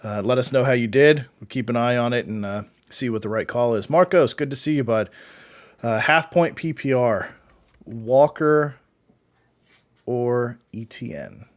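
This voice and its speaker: A man's voice: medium pitch, unhurried. A man co-hosting a fantasy football show in a loose, casual chat. He answers viewer questions with plenty of fillers and restarts, sounding easygoing and unscripted. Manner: rambling, many fillers and restarts.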